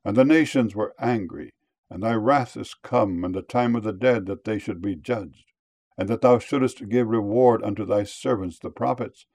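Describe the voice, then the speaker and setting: A man reading verses of scripture aloud in a measured, solemn way. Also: on the low side, a little mellow.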